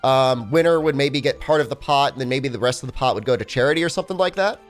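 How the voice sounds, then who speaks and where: Soft background music accompanies a young man streaming a speedrun, chatting loosely with his audience at a quick pace in a mid-range voice. He sounds phlegmy from a cold. His talk wanders, sprinkled heavily with "I mean" and "like."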